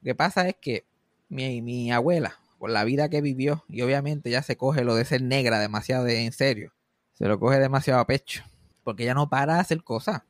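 A man's voice: mid-range voice, fairly quick, no room sound, studio quality. A young man telling a funny family story in casual chat, swearing freely and slipping English phrases in.

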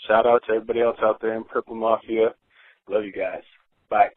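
A man leaving a casual call-in message over the phone, laid-back and halting with frequent ums. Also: fairly low pitch, little pitch movement, no echo. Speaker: caller. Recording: tinny, dry phone line.

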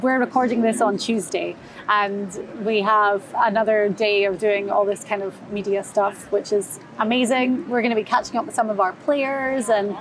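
A woman's voice: mid-range voice, steady tone, normal speed, a crowd in the background, poor audio. A woman presenting a sports show as host in a casual, chatty style.

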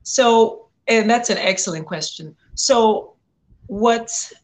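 A woman's voice: fairly high pitch, slow. A young woman from Zimbabwe, a guest in an interview, telling her story in an earnest, reflective way. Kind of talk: interview conversation.

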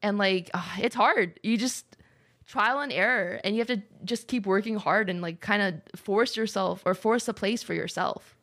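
A woman's voice: medium pitch, moderate pace, fairly bright tone. A woman co-hosting a casual podcast chat about streaming, chatty and filling her talk with "like". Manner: chatty, heavy use of "like", laughs often. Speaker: streamer co-host.

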